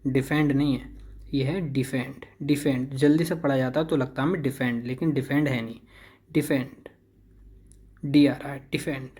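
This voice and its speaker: A man teaching a vocabulary lesson at a very unhurried pace. His voice is dark and mellow. He repeats each word again and again to drill the pronunciation. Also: mid-range voice. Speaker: English teacher.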